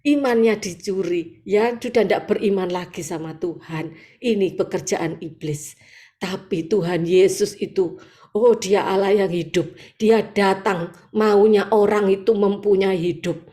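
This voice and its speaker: Woman preacher, East Javanese accent, animated sermon on a video call, mid-pitched. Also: a little slow. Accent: East Javanese Indonesian. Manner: lively, acts out quoted voices, laughs often. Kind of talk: sermon at an online morning prayer meeting. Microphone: video call audio.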